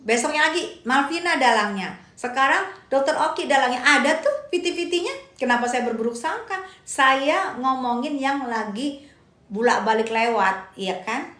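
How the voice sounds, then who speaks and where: A woman's voice: sits high, expressive, normal speed, a bit bright, echoey room. A woman giving casual live-stream commentary. She argues emphatically, repeats her points and answers viewer comments aloud.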